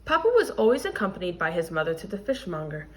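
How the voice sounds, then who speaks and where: Reading a children's picture book aloud, a woman with a lowish voice sounds like a teacher. She is expressive and measured, putting weight on key words and adding asides that explain the story.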